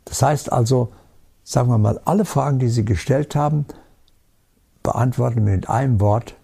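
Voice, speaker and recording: A man giving a spiritual teaching talk, calm and certain, stressing his points with emphasis and rhetorical questions. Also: mid-range voice, normal speed, vocal fry, breathy edge.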